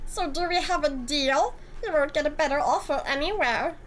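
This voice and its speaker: Girl putting on a snooty drawling rich guy, talks down to everyone, kinda high. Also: normal speed, fairly bright tone, a little hiss or hum, low-quality recording. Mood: condescending. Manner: drawling, theatrical, sneering. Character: smug pompous male antique dealer, condescending.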